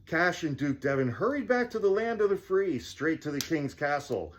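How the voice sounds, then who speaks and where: A man reading a children's storybook aloud as fireside storytelling, theatrical and deliberate, with casual asides. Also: fairly high pitch, sing-song, slight background noise. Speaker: storybook reader.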